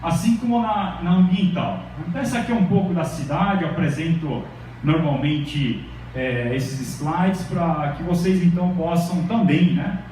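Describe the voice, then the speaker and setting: The voice belongs to a middle-aged Brazilian man, a professor giving a casual university lecture and often checking in with his audience. It sits on the high side with a dark tone and moves at a normal pace. He was recorded from far off in a large, echoey hall, with a little hiss or hum.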